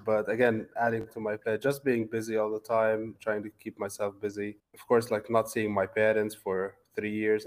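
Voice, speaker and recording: A man in his thirties from Lebanon, a guest in a casual interview, speaking in a relaxed way and often repeating words as he thinks. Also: lowish voice, low-quality recording.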